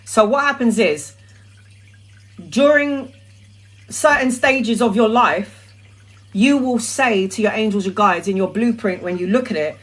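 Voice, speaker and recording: A woman's voice: a little high, a little slow, pauses often, rough recording. A middle-aged woman chatting casually on a live stream, answering viewers' questions as a tarot reader in a blunt, sweary, rambling way.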